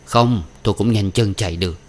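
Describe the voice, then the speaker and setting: A man doing a hot-headed young laborer in a storybook, curt and plain-spoken. The voice stays low and close to the reader's own. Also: fairly quick, close to an everyday voice.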